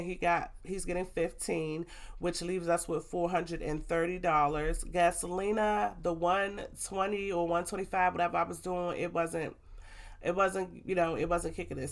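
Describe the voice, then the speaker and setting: A woman's voice: fairly low pitch, creaky. A woman, congested, chatting casually to viewers as she walks through her budget. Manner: chatty, addresses viewers as y'all and baby. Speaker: budgeting vlogger.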